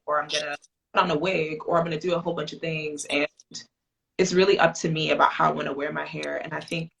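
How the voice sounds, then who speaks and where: A woman guest on a group audio call, talking in a relaxed, reflective way. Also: deep voice, fast talker, vocal fry, low-quality recording. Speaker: guest speaker.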